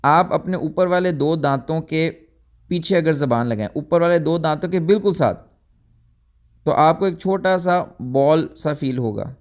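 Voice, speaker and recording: A man giving a tajweed lecture, explaining step by step, sometimes correcting himself and mixing in English words. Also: on the high side. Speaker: tajweed teacher. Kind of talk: recorded lecture.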